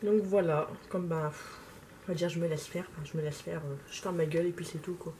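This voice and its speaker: Brief: young woman vlogger with a slight lisp, halting casual chat, faint noise behind. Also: lowish voice, steady tone, warm tone. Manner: hesitant, many fillers. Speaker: makeup vlogger. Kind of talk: casual talk while doing makeup.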